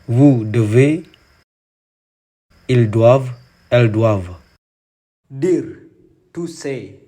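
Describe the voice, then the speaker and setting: A man reciting verb conjugations slowly and clearly as a language teacher. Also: medium pitch, dark tone. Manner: slow, deliberate, enunciated recitation. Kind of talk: slow conjugation drill.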